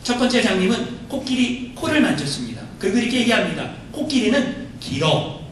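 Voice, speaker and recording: High-voiced male pastor in an echoing hall. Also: sing-song, quick pace, a bit bright. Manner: keeps asking the congregation rhetorical questions. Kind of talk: sermon. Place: church sanctuary. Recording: very echoey hall, distant mic, faint rumble.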